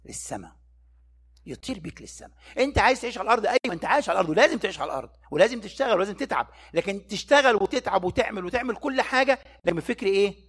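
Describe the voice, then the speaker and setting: A man's voice: sits high, expressive, racing, a bit bright, breathy edge. A man with an Egyptian Arabic accent giving a Bible study sermon, who keeps posing rhetorical questions to his listeners and answering them himself.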